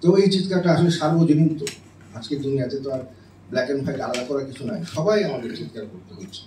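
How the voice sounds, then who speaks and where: A man's voice: medium pitch, fast talker. A middle-aged man, a professor, giving an explanatory classroom lecture on music theory and checking in with his listeners often. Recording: roomy and distant with faint noise.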